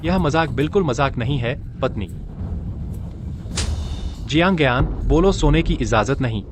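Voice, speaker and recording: A man's voice: medium pitch, lively intonation, a little slow, noisy background, natural voice. An actor playing a young husband who grieves his wife, his pleading disbelief giving way to a cold, calculating edge, in a dubbed drama. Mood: grieving.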